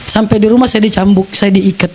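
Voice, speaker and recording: A man's voice: high-pitched, fairly even intonation, a little fast, darkish tone, breathy edge. A man from South Sulawesi giving a personal testimony to a church congregation, telling his story vividly with frequent laughs. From South Sulawesi, Indonesia. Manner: storytelling, acts out quotes, laughs often.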